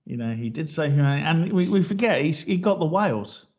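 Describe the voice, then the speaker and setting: A man's voice: a little high, lively intonation, fast talker, darkish tone, breathy edge. Joking man on a podcast. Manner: joking, rambling film-buff banter. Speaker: podcast co-host. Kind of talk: casual chat. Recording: dull lo-fi podcast audio.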